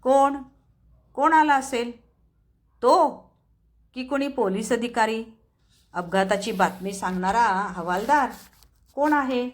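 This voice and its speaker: A woman's voice: a little high, a little slow, lightly acted. A woman reading the part of an anguished young wife, crying out in a pleading, anxious voice. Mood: frightened. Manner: pleading, anxious inner outcry.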